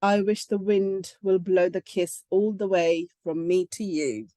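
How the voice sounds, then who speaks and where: A woman poet reading a short poem in a slow, unhurried way. Her voice is mellow and dry, and she sounds gentle and tentative. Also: mid-range voice, steady tone, no echo.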